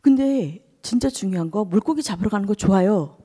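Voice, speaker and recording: A woman's voice: medium pitch, lively intonation, brisk, dark tone, slightly rough, long reverb tail. A woman associate pastor preaching at a dawn service, asking her congregation question after question and dropping to a whisper for emphasis. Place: church sanctuary.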